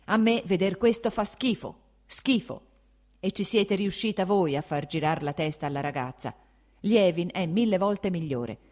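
A woman reading an audiobook, voicing an angry, blustering old prince who shouts and scoffs. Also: medium pitch, expressive, normal speed, pitched above the performer's own voice, natural voice. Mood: angry shouting. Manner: shouting, scornful, mocking.

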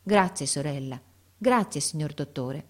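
A woman's voice: low-pitched, animated, a little slow. A woman reading aloud and voicing a devoted young boy in a storybook, speaking in earnest, emotional exclamations. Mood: tearful.

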